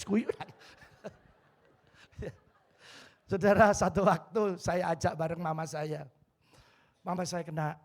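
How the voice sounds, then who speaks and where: Gravelly East Javanese pastor, animated. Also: male voice, a little high. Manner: animated storytelling, switches into Javanese voices for quoted people. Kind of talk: humorous sermon with acted dialogue. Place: church hall.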